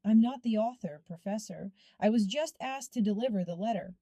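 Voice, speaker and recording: A woman voicing a guarded young male student in a storybook reading, speaking quietly and evasively. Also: medium pitch, moderate pace, no echo, studio quality, natural voice.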